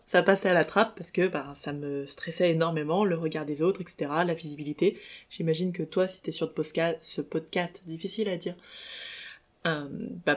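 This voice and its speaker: A woman's voice: fairly low pitch, a little mellow. A young French woman talking casually in a solo podcast, hesitant and self-correcting, with many fillers and self-deprecating asides. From France. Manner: laughs between lines, self-deprecating. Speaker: podcast host.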